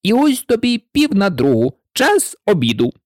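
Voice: medium pitch, normal speed, no room sound, studio quality, pitched above the performer's own voice. A reader voicing a rambling, eccentric hatter. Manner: rambling and excitable, with frequent hesitations. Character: mournful, eccentric hatter, male. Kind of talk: storybook reading.

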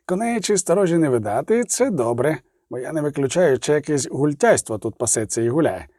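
Blunt bossy gnome boss guy, a man reading him, lively up-and-down voice, mellow low tone, dry close sound. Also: a little fast, no echo. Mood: sly. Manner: blunt, folksy, commanding. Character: gruff bossy male gnome leader, middle-aged. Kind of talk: audiobook character reading.

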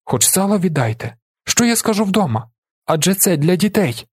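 Desperate widowed mother begging, voice pushed way up high, as a man does her, husky, dry. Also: big pitch swings, moderate pace, no room sound, heavily acted. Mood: pleading. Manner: pleading, raised high voice.

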